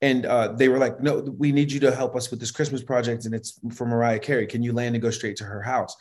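A fast-talking, high-voiced middle-aged man, a worship leader and vocal producer, tells stories during an interview in an easygoing, conversational manner. Animated and quick to laugh, he restarts sentences often and keeps saying "you know what I mean."

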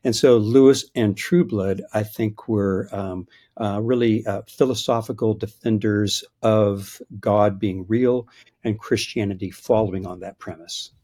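This sixty-something biblical scholar has a fairly low, dark voice that stays steady and measured. Reflective and hesitant in the interview, he keeps restarting his thoughts and laughs softly at what he says.

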